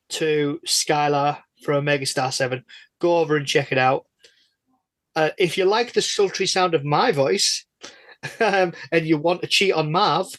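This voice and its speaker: With a fairly bright voice pitched on the high side, this man guest-hosts a podcast interview, joking around, rambling, and putting himself down in a relaxed way.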